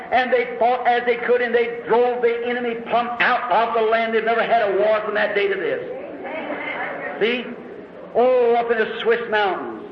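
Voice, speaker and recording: A man preaching a sermon, telling stories dramatically and rising to shouts. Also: extremely high pitch, a little hiss or hum. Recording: echoey hall, dull lo-fi recording.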